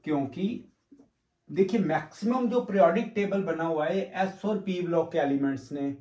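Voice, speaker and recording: A man's voice: fairly high pitch, normal speed, mellow, echoey room, low-quality recording. A man teaching a chemistry lesson, explaining step by step and answering his own questions as he goes, mixing English terms into his talk. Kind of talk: classroom lecture with board work.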